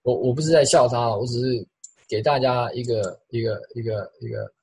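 A middle-aged male pastor giving an animated sermon, repeating phrases for emphasis and imitating the sounds he describes. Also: mid-range voice, moderate pace, a little hiss or hum, rough recording.

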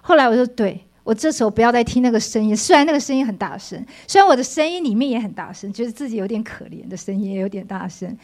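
A woman's voice: a little high, expressive, fast, few pauses, darkish tone. Earnest middle-aged woman. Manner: earnest, emotional, frequent restarts. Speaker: church member giving testimony. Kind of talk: personal faith testimony.

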